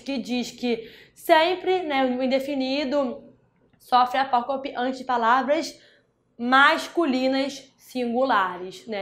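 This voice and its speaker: A woman's voice: sits high, fairly bright tone. A woman from Brazil teaching a Spanish grammar lesson for exam prep, explaining step by step and checking in with frequent "né?" and "tá?". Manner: explanatory, with frequent "né?" and "tá?" tag questions. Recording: roomy echo.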